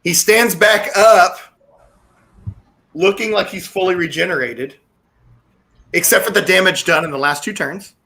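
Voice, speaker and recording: A man's voice: sits high, measured pace, vocal fry, long pauses, bright, forceful tone. A man running a tabletop game as dungeon master, talking casually and swearing freely.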